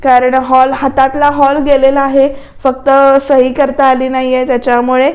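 A woman's voice: high-pitched, completely flat delivery, moderate pace, darkish tone. A woman narrating a voice-over recap of a television serial, retelling scenes conversationally with asides to viewers.

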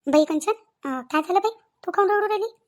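A woman's voice: extremely high pitch, fast talker. A woman doing a coaxing cartoon mother. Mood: soothing. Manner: coaxing, gently lecturing. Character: soothing middle-aged mother giving advice. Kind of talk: cartoon voice acting.

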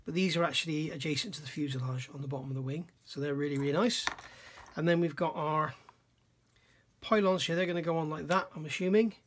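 This fairly high-pitched man talks quickly in a steady tone over slight background noise. Middle-aged and seated at an indoor workbench, he gives a casual hands-on review of a scale model kit, musing aloud, admiring it and frequently second-guessing himself.

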